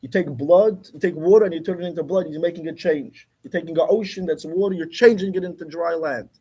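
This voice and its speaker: A man's voice: on the high side, fast, warm tone, slightly rough. A man teaching a class, explaining emphatically and repeating his key points. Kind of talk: Torah class lecture.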